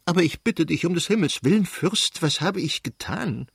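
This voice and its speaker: A man's voice: fairly high pitch, very animated, fairly quick, husky, dry recording, studio quality, pitched above the performer's own voice. A man voicing an anxious elderly princess who pleads and defends herself against her husband, in a reading of a novel. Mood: pleading.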